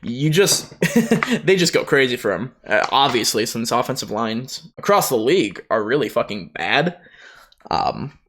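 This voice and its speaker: A man's voice: medium pitch, big pitch swings, unhurried, a bit bright, a little hiss or hum. A man giving casual, rambling commentary on a video game, informal and sweary. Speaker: gaming commentator.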